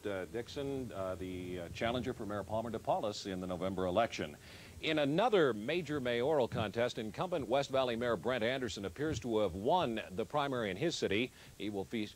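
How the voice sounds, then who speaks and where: A man anchoring an election night news broadcast, questioning guests in a measured way. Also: on the low side.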